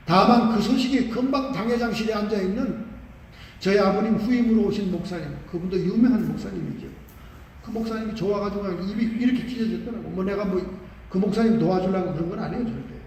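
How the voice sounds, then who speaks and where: A male pastor preaching a sermon, telling stories with animated emphasis. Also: high-pitched, slight background noise. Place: large church sanctuary. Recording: echoey church hall from far off.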